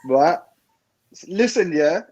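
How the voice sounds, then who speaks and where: A man's voice: fairly high pitch, animated, slow, lo-fi sound, a loud crowd. A man chatting casually on a football fan podcast, telling stories in slang and often checking that listeners follow. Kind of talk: casual chat.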